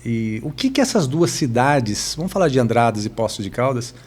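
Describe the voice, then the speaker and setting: A man's voice: medium pitch, animated, normal speed, a little mellow. A man from Brazil, hosting a talk show in a chatty, enthusiastic way, with lots of rambling and tag questions. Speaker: host.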